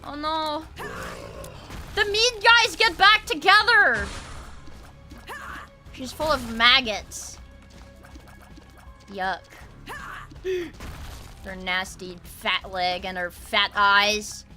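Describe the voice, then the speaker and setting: A woman streaming a game, chatting casually with excitable shrieks, gasps and swearing. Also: a little high, drawn-out words, long pauses, faint music behind. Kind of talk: casual gameplay commentary.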